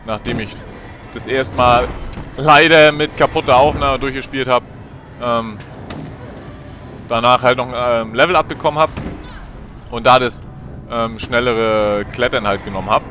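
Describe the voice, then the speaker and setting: Bright-voiced man, casual gamer. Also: mid-range voice. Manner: colloquial, slangy, swearing, excitable. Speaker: let's player. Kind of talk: casual gameplay commentary.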